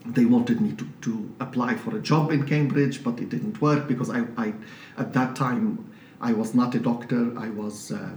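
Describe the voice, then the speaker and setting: A man from Syria with a Syrian accent, a priest talking as an interview guest in a measured, explanatory way with frequent restarts. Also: medium pitch, steady tone, a little mellow. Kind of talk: conversational interview. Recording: roomy, slightly distant mic with faint noise.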